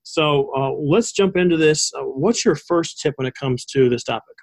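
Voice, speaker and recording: Male interview host, voice a touch high, halting and rambling conversational delivery. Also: gravelly. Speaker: show host.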